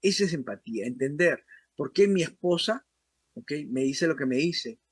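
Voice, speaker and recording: A man's voice: a little high, lively intonation, normal speed, slightly rough, no room sound. A man giving a casual spoken talk on emotional intelligence, with a conversational manner and frequent check-ins with the listener. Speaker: host, emotional intelligence speaker.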